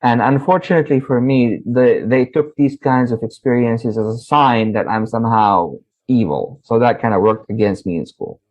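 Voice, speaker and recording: A man tells his own story as an interview guest, and he grows animated and laughs easily. His voice sits at a middle pitch. The recording sounds a little dull and lo-fi. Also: moderate pace, hardly any pauses. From Saudi Arabia.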